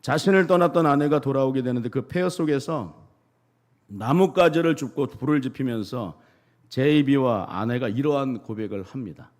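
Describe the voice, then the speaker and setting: A man's voice: mid-range voice, moderate pace, darkish tone. A male pastor preaching a sermon and retelling a story in a dramatic, storytelling way.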